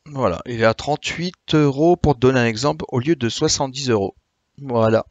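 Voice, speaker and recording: A man streaming live, chatting casually with viewers, a bit tired, explaining slowly with many hesitations. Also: mid-range voice, no echo, muffled recording. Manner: hesitant, many "euh" and restarts, friendly explaining. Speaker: Twitch streamer.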